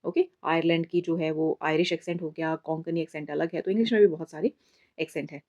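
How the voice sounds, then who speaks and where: Warm low-voiced woman teacher explaining. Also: fairly even intonation, fast talker. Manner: patient, explanatory, calls listeners "beta". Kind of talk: exam summary lesson in mixed Hindi and English. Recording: slightly dull lo-fi recording.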